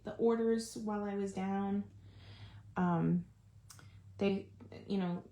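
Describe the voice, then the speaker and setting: A chatty woman leads a relaxed live craft demonstration. She talks straight to her viewers and thinks aloud as she works, in an easy, mid-pitched voice. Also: slow. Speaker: card-making demonstrator. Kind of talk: casual live craft demo.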